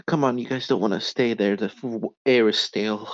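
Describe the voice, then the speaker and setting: A man's voice: on the low side, fairly even intonation, fairly quick, no echo. A man playing a tabletop game, speaking earnestly in character. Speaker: player. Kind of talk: in-character role-play. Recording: dry, dull lo-fi mic.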